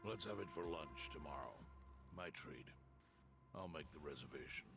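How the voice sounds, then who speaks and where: An actor playing a calm older male syndicate chairman who talks in a measured, deliberate way. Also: gravelly. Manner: calm, deliberate, low-key. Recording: game audio with loud music behind.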